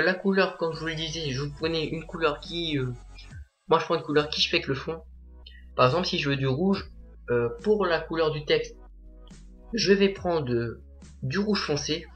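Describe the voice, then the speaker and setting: A teenage boy narrating a software tutorial as a voice-over, hesitant and full of filler sounds. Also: fairly high pitch. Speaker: tutorial maker.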